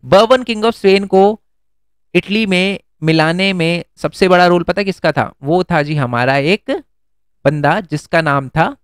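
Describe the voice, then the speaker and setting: A man's voice: high-pitched, measured pace, clear, resonant tone, no echo, clean studio sound. A man teaching an exam-prep history lesson, explaining step by step and checking in with his students in a casual conversational way.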